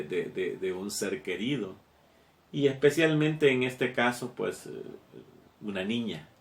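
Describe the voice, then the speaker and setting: Slow, echoey preacher man. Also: lowish voice. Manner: slow and halting, with many fillers and repeated words. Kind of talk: sermon.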